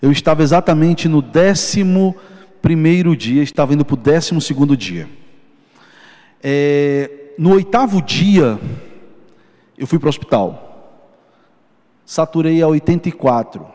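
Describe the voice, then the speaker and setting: A man preaching in a big hall with a long echo trailing each phrase. His voice sits a little high for a man, and he slows down to repeat key lines with feeling as he tells his own story. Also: expressive, dark tone. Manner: emotional personal testimony, slow emphatic repetitions. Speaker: pastor. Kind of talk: sermon.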